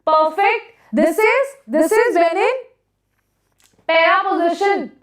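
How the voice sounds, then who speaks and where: A woman's voice: very high voice, slow pace. A woman with an Indian accent teaching a live exam-prep lesson, repeating phrases and questioning students, in a big echoing hall sound. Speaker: online chemistry teacher. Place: echoing classroom, voice far from mic. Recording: echoey room, big hall echo, distant mic.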